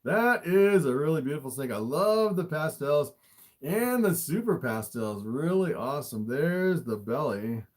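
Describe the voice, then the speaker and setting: His voice sits a little high and swings widely in pitch, and he takes his time. As an animal keeper hosting a relaxed livestream, he talks to viewers while presenting his animals, easily amazed and chuckling often between remarks.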